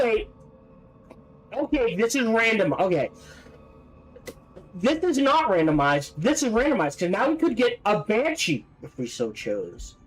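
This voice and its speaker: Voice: mid-range voice, slightly rough, low-quality recording. A game streamer giving casual gameplay commentary, thinking aloud.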